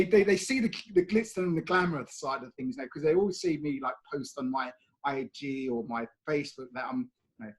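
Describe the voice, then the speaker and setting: A British man from the UK answering interview questions in a casual, chatty way, often dropping in "you know". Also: a little high. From United Kingdom. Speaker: brand ambassador interviewed.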